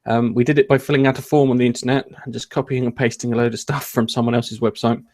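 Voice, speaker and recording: A man's voice: medium pitch, flat delivery, quick pace, darkish tone. A man hosting a casual gaming podcast, joking and rambling with frequent restarts. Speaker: podcast host.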